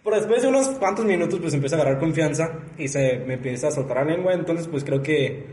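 A man's voice: fairly high pitch, animated, fast talker, darkish tone, echoey room, slight background noise. A man in his twenties from León, Guanajuato, chatting casually as a podcast guest in a sing-song León accent, shy at first. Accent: León, Guanajuato, Mexican Spanish. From León, Guanajuato, Mexico. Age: 20s. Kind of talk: casual chat.

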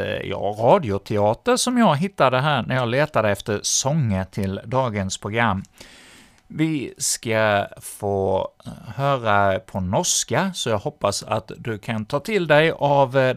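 A man's voice: medium pitch, no echo, studio quality. Hesitant male radio devotional host. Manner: hesitant, with frequent fillers.

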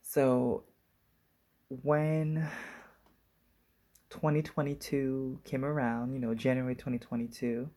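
Forties woman musing on her podcast, slow and unhurried, husky voice, keeps restarting her thoughts. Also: very deep voice, flat delivery, mellow. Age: 40s. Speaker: podcast host. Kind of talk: casual solo podcast talk.

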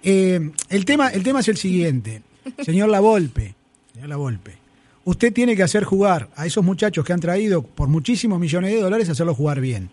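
A man's voice: sits high, big pitch swings, moderate pace, darkish tone, dry recording. Emphatic Argentine man on sports radio. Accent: Argentine Spanish. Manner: emphatic, repeats his points, lecturing. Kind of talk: heated studio debate. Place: radio studio.

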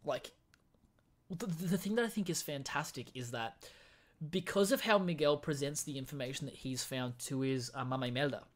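A mid-pitched speaker on a film podcast, breaking down storytelling choices with real enthusiasm. The talk is analytical yet animated, in a casual conversational flow. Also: moderate pace. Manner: animated, switches into mimicking characters. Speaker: guest podcast host.

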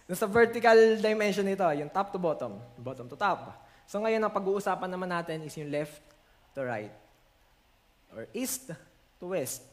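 This sermon comes from a man whose high voice has a slightly bright quality and whose accent is Filipino. He addresses the congregation in a mix of Tagalog and English, easing his pace to underline verses.

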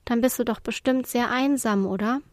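A woman's voice: fairly high pitch, normal speed, no echo, studio quality, lightly acted. A woman reading the part of a curious, outspoken young woman in a storybook.

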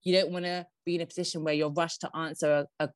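A woman guest on a podcast giving interview tips, who says she talks fast and laughs now and then. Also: sits low, level tone, no echo. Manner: fast-talking, laughs often.

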